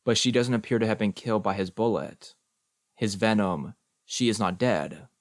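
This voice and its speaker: A man reading experimental prose for an audiobook, slow and deliberate, in measured, clipped phrases. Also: lowish voice, lively intonation, no room sound, clean studio sound. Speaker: audiobook reader.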